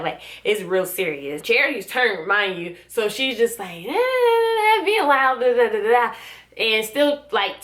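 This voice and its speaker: A young woman talks straight to her camera in a casual storytime vlog. She rambles with many fillers and acts out what her friends said. Her voice sits at a middling pitch. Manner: chatty, lots of fillers, quotes friends in animated voices. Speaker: vlogger.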